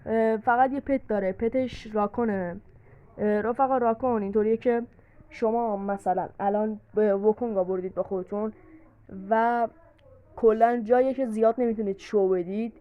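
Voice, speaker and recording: A woman's voice: on the high side, steady tone, clear, resonant tone, narrow, tinny audio. A woman casually narrating a game guide, chatty and explaining things with examples and many fillers. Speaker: gaming YouTuber.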